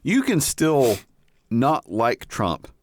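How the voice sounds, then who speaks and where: A man's voice: mid-range voice, huge pitch swings, very slow, dry recording, clean studio sound. A man co-hosting a podcast, talking in a rambling, profane way with many "like"s. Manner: rambling, frequent "like", laughing, profane. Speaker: podcast co-host. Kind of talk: casual chat.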